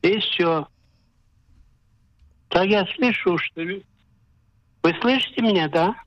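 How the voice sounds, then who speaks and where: An older man calls in to a radio show, his high voice breaking up over a crackly phone line that keeps dropping out. The dry, dull, lo-fi sound of the call carries his halting speech. He keeps checking that the studio can hear him. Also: no room sound. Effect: crackly phone line that keeps cutting out. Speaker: caller.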